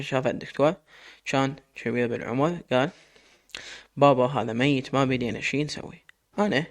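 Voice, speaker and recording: A man with an Iraqi Arabic accent telling a dramatic story in first person, emotional and full of quoted dialogue. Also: mid-range voice.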